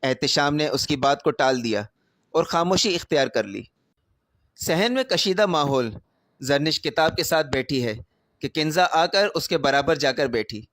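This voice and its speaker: A man narrating a family drama story in an even, plain storytelling manner. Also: fairly high pitch, no room sound, clean studio sound.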